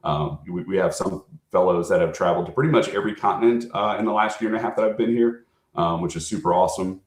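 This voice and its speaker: An American man giving an informal recruiter pitch as a program manager, talking conversationally and often checking in with his listeners. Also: fast talker. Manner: conversational, frequently checking in with "right?". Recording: echoey, roomy sound.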